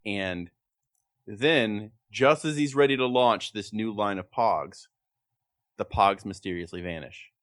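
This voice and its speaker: A man co-hosting a casual comedic chat, building absurd bits in a deadpan storytelling manner. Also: fairly low pitch, unhurried, dry recording. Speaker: podcast co-host.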